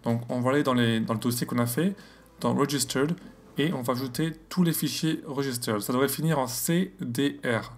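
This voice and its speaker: A man with an English accent hosting a screen-recorded astrophotography software tutorial, talking casually and hesitantly with many fillers and self-corrections. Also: medium pitch.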